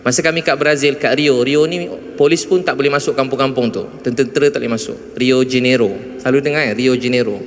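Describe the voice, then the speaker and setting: A man's voice: fast talker, few pauses. Malaysian Malay man preaching in a hall. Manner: storytelling, rising and emphatic at high points. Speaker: visiting preacher. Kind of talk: religious talk to a mosque audience. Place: large mosque hall. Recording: reverberant mosque hall.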